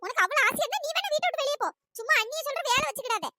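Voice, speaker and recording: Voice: very high voice, lively intonation, very fast, noisy background. A performer voicing a young daughter who firmly rebukes her mother in a cartoon. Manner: firm, reproachful. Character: firm young daughter, defending her sister-in-law. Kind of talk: cartoon voice acting.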